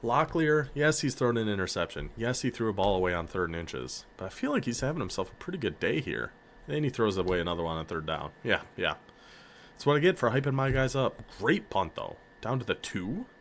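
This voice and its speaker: A man with a northern American accent giving casual, excitable commentary on his football video game, hyping up his players and laughing often. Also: on the low side, a little fast, slight background noise. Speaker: gaming YouTuber.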